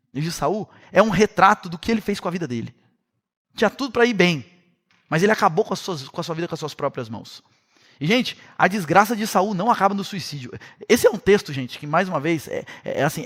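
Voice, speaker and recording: Animated Brazilian preacher, high voice. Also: male voice. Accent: Brazilian Portuguese. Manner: animated storytelling, addresses listeners directly. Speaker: Bible teacher. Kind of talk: Bible study sermon series.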